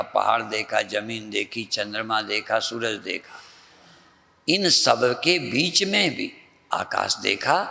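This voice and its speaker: A male spiritual teacher from North India giving a slow, repetitive meditative discourse that guides the listener's mind. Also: mid-range voice, creaky, bright, forceful tone, big-room sound. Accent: Hindi, North Indian.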